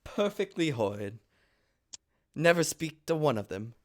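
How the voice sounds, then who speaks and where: Man playing an earnest, lofty gentleman in love. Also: a little high, big pitch swings, a little slow. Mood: bored, airy. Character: earnest, exasperated upper-class gentleman in love. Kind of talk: stage comedy table reading.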